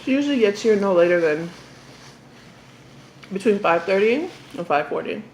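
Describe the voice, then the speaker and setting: A young woman casually telling a story to the camera during an eating show, talking while she eats and pausing for bites. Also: mid-range voice, lively intonation, darkish tone. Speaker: mukbang vlogger. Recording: echoey room with faint background noise.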